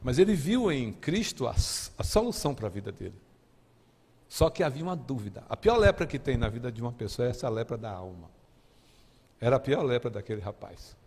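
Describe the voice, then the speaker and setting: Impassioned Brazilian preacher in a reverberant church. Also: male voice, mid-range voice, big pitch swings, husky. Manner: impassioned, rising to near shouting at peaks; halting restarts and repeated words. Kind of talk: sermon with personal testimony. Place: church sanctuary.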